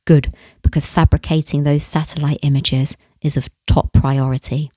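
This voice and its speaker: A woman voicing a huge, gruff military major who speaks curtly and dismissively. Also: deep voice, flat delivery, moderate pace, mellow, no echo. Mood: stern. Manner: curt and dismissive.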